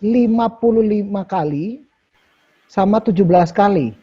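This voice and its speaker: Brief: man hosting, husky higher voice, dark and muffled sound, emphatic and animated. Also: unhurried. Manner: animated, probing questions, emphatic repetition. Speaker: host.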